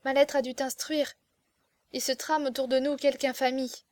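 A woman's voice: high voice, level tone, normal speed, a little mellow, no echo, close to an everyday voice. A woman voicing a frightened young noble mother, trembling and tearful, in an audiobook. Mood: tender pleading. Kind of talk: audiobook character voice.

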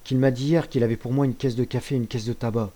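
A man's voice: mid-range voice, steady tone, quick pace, mellow, lightly acted. A frail, distraught old father, read by a man. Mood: desperate.

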